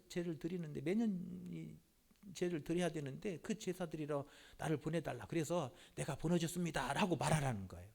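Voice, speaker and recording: A man's voice: high voice, darkish tone. A middle-aged man preaching a sermon as a pastor, in a conversational way that keeps asking the congregation questions.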